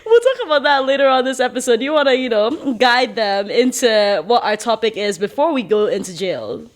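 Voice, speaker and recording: A woman's voice: on the high side, animated, normal speed. A young adult woman co-hosting a podcast in casual chat, playful and joking as she steers the talk. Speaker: podcast co-host.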